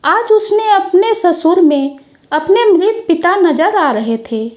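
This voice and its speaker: A woman narrating a short story in a calm, measured way. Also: extremely high pitch, muffled recording.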